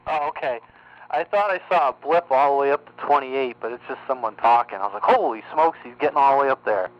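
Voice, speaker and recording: A man's voice: mid-range voice, fast talker. A man chatting casually on the air as a CB radio operator, swearing in passing, his voice coming through slightly mistuned and off frequency. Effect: slightly mistuned radio sound, off frequency. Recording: dull lo-fi radio with faint hum.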